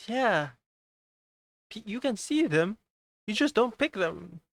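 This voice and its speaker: A man reacting casually, halting and repeating his words. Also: high-pitched, sing-song, gravelly, no echo. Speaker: reaction youtuber.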